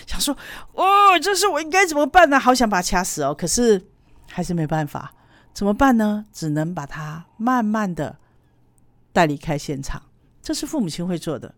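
A woman hosts a podcast about raising children, telling stories in an animated, chatty way. Her voice sits fairly low, and the recording is dry and close with no room sound. She talks like an educator speaking directly to parents. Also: no room sound. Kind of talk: podcast storytelling talk.

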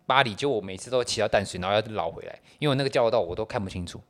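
A man with a Taiwanese Mandarin accent, telling a story in a relaxed podcast chat with casual slang. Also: on the low side, very fast. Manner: storytelling, laid-back, sprinkles mild slang. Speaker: podcast co-host.

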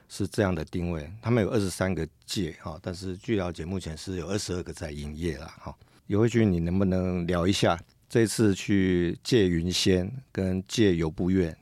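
A man's voice: deep voice, a little mellow, no room sound. A man hosting a podcast interview, chatting casually and tagging his sentences with little "ha" sounds. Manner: chatty, leading questions with "ha" tags. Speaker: podcast host, senior journalist.

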